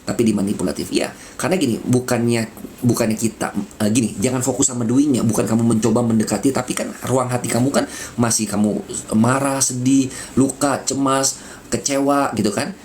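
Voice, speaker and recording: A man's voice: medium pitch, steady tone, fairly quick, darkish tone, slight background noise. A man giving casual spiritual coaching in a soothing way, repeating words and dropping in English phrases. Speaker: spiritual mentor.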